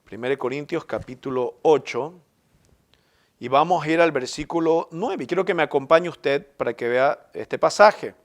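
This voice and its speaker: A middle-aged man preaching a sermon, his voice sitting somewhat high for a man. He pushes key phrases up with sudden emphasis, then lets the ends of his lines drop away quietly, in an earnest pulpit manner. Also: moderate pace. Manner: earnest, emphatic preaching with rising bursts and soft trailing ends. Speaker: pastor.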